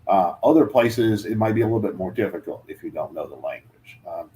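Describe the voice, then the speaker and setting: A man's voice: deep voice, expressive, a little fast, mellow, slight background noise. A man giving relocation advice in a casual chat, hesitant with many fillers and restarts. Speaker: guest, relocation adviser.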